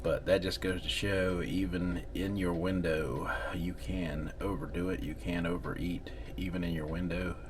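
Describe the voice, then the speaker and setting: A man's voice: low voice, steady tone, moderate pace, few pauses. A man talking casually to his vlog audience in a folksy, rambling way, on a noisy recording. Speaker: vlogger. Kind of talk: casual diet-progress vlog talk. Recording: clearly noisy background ambience.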